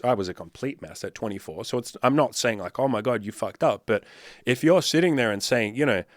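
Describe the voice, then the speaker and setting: A man's voice: medium pitch, dry recording, studio quality. A man in his thirties, a dating coach giving blunt, profane, fired-up advice in a casual monologue. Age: 30s.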